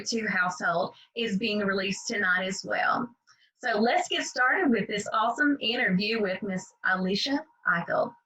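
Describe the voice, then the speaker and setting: A woman's voice: on the high side, sharp tone. A woman hosting an online interview, gushing and encouraging toward her guest. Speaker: host. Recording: dull lo-fi sound.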